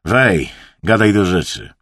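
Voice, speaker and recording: A man voicing a curt, gruff male expedition leader who talks in clipped, sharp phrases. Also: low-pitched, very animated, slow, no echo, clean studio sound, exaggerated voice.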